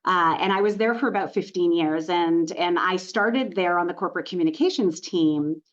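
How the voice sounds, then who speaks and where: A woman's voice: fairly low pitch, moderate pace. Canadian woman guest on a dull-sounding line. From Montreal, Canada. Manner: warm storytelling, fillers like "you know". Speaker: corporate communications executive, guest. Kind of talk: podcast interview.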